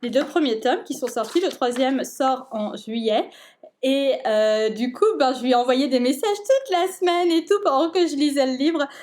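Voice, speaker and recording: Young woman, high bright pitch, chatty book vlogger, eager and gushing, lots of hesitations. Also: normal speed. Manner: excited, gushing, many fillers and restarts. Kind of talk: casual chat.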